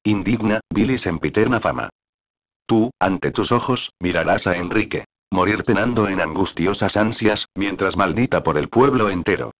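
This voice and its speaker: A man reading the part of a cruel, scheming nobleman in a play, in slow, solemn verse. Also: on the low side, lively intonation. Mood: menacing.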